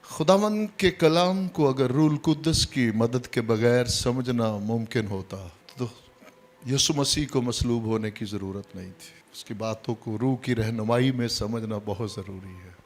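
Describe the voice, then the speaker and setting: A man preaching a sermon, swinging from soft, low phrases to loud, high exclamations. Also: measured pace. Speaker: pastor.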